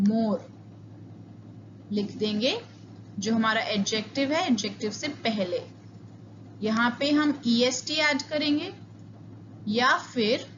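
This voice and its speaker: Slow-spoken woman teaching grammar. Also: fairly high pitch, fairly bright tone, dull audio, a little hiss or hum. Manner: mixes Hindi and English, slow and deliberate, spells out letters. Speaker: English teacher. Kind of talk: grammar lecture.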